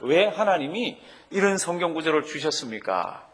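A man's voice: a little high, moderate pace, slight background noise. A man who is a pastor, teaching a Bible study sermon and leading his congregation to read Scripture aloud with him. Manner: animated, leads congregation in reading aloud. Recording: long reverb of a hall.

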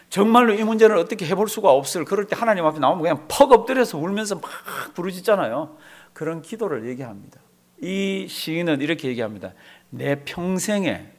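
A male pastor delivering a sermon with a fairly high, lively voice that swoops up and down. He asks his listeners questions and acts out prayers as he preaches. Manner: animated preaching with acted-out prayers and questions to the congregation.

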